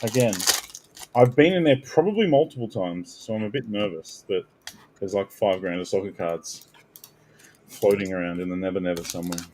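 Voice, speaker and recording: A man hosting a card break, chatting casually and bursting out loudly as he calls out the cards he pulls. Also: on the low side, moderate pace, slight background noise. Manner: animated, bursts out loudly calling card names. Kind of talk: casual live card-opening chat.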